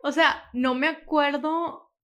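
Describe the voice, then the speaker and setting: A young Mexican woman co-hosting a podcast, her voice sitting a little high. She talks quickly and casually, dropping in little agreeing murmurs as her friend speaks. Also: fairly even intonation, bright, forceful tone. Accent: Mexican Spanish. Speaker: podcast co-host. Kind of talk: casual chat.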